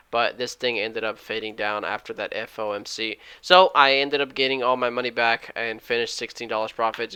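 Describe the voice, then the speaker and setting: Male trading vlogger, rapid loud self-correcting recap, dry close sound. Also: mid-range voice, clean tone, no room sound. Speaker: day trading YouTuber. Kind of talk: screen-share trade recap. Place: at home, alone.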